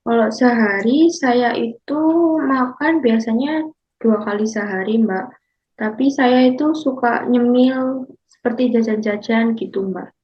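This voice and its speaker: A fairly high, ordinary-sounding female voice takes the part of a 65-year-old grandmother as a counseling client in a scripted classroom role-play. Her manner is slow, courteous and deferential, and she addresses the counselor as "Mbak." The audio is muffled lo-fi.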